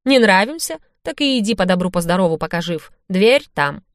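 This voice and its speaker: A woman reading an audiobook voices a chubby, sharp-toothed male hare who taunts in a raised voice. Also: mid-range voice, animated, brisk, no room sound, studio quality, lightly acted. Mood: taunting. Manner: cheeky, taunting.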